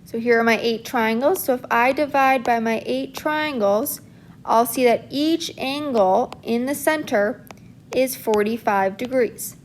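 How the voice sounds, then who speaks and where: A woman's voice: high voice, a little hiss or hum. A woman teacher working through a math problem in a recorded lesson, explaining each step steadily as she writes.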